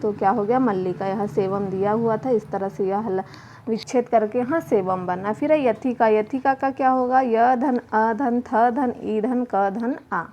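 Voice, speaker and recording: A woman teacher going slowly through a children's worksheet, spelling words letter by letter and answering her own questions. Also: fairly high pitch, darkish tone. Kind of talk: slow worksheet lesson for children. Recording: muffled home video with faint noise.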